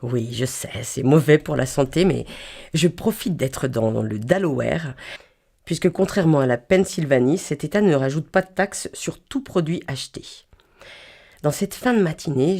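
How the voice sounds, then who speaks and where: A woman reads a humorous first-person chronicle in a low voice. Her delivery swoops with lively pitch, wry and playful as she mimes sounds and accents. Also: breathy edge. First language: French. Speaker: reader of a humorous column.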